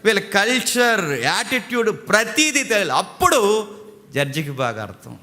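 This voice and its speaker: A man preaching a sermon in an animated way, often acting out court scenes in quoted voices. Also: high voice, moderate pace. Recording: long hall reverb.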